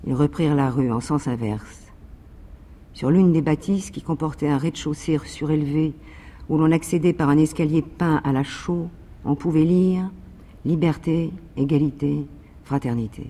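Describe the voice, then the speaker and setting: A man reading a literary novel aloud in a measured, even narration, with a long reverb behind his voice. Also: a little high. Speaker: reader.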